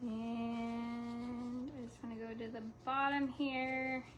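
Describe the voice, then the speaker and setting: A young woman hosts a casual live craft chat while refinishing furniture at home, talking as she works and often leaving thoughts unfinished. Her slightly high voice has little pitch movement, a slow pace and a slight lisp. There's slight background noise.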